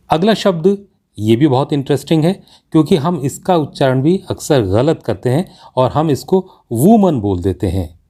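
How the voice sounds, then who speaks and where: In a slow classroom explanation, a man with an Indian accent teaches English pronunciation, reading example sentences very carefully. His voice is mid-range and mellow.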